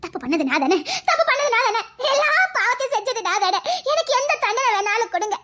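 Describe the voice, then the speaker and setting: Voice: very high-pitched, a little fast, pushed and bright, heavily acted. A performer playing a scheming middle-aged village aunt with a Tirunelveli Tamil accent, swinging between melodramatic wailing and sly plotting asides in a comedy skit. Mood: fake wailing.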